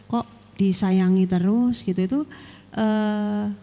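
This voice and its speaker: A woman's voice: medium pitch, fairly even intonation, takes it slowly, dark tone. Woman audience member with a hesitant, unsure question; hall reverb. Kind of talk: question from the floor.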